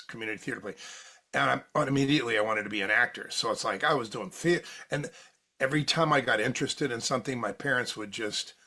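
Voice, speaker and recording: A man's voice: medium pitch, gravelly, pushed and bright. An older American man, a podcast guest, telling rambling stories from his youth in a chatty way, laughing at his own jokes. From United States. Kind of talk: casual storytelling interview.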